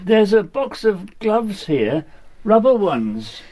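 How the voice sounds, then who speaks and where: A man's voice: sits high, sing-song, slow, mellow, full character voice. An actor playing a confused elderly man visiting a care home in a radio drama. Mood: puzzled.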